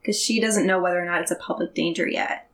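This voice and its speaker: A woman's voice: on the low side, fairly even intonation, fast. A woman player explaining her character's choices in a casual, somewhat defensive way. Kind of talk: casual tabletop game chat.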